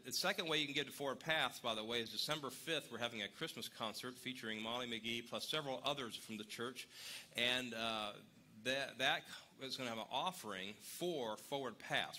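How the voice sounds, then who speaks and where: A man's voice: medium pitch, sharp tone, a little hiss or hum. A man giving casual announcements at a church service, chatty and rambling, joking with the congregation.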